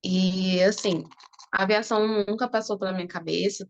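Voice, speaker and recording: A woman of twenty-one from Fortaleza, speaking softly because of a sore throat as guest speaker in an online class, with many casual fillers. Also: medium pitch, highs cut off. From Fortaleza, Brazil. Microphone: video call.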